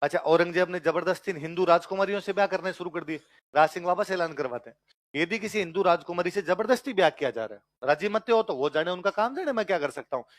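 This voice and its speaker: A man teaching history to exam students, repeating key lines in Hindi and then English for them to write down, and telling the story in a lively way while quizzing them. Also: high-pitched, fast, no room sound, studio quality. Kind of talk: exam-prep lecture with storytelling.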